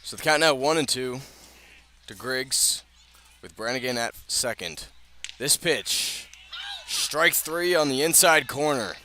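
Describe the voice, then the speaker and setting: This American play-by-play man calls a live baseball game on radio with a mid-range voice, slow pace and a pushed, bright delivery. Outdoor ballpark ambience and background noise are clearly heard.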